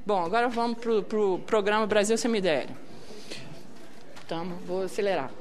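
A woman's voice: medium pitch, moderate pace, slight background noise. A woman with a Brazilian Portuguese accent giving a public presentation in a conversational manner, often adding little tag questions. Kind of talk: public talk with slides.

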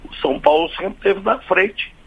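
A man with a Brazilian Portuguese accent commenting on football for a radio sports show, halting and restarting often. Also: high voice, vocal fry, fairly bright tone, slightly rough, poor audio.

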